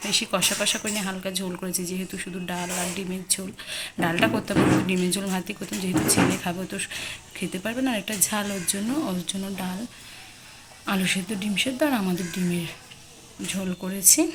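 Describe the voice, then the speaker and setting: A woman's voice: mid-range voice, fairly even intonation, quick pace. A woman, chatting casually as she walks viewers through her household chores in a home vlog. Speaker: home vlogger. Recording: phone recording with noticeable background noise.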